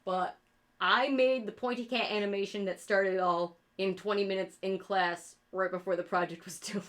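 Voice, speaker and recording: A streamer and artist from rural upstate New York, with her regional accent, chats loosely during a drawing livestream. Her voice is medium-pitched, steady, fairly bright, and moderately paced; she rambles, swears a lot, and laughs at her own jokes.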